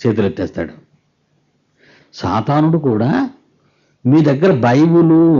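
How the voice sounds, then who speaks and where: Preaching man with a mellow voice. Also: medium pitch, dull audio. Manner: preaching with frequent rhetorical questions to the congregation; reads scripture slowly and emphatically, mocks false preachers. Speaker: pastor. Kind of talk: sermon.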